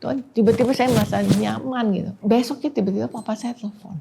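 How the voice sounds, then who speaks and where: A woman's voice: fairly high pitch, steady tone, fast talker, gravelly, noisy background. Woman telling a painful testimony. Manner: emotional storytelling, quoting prayers softly. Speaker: podcast guest. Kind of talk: personal testimony in a talk show.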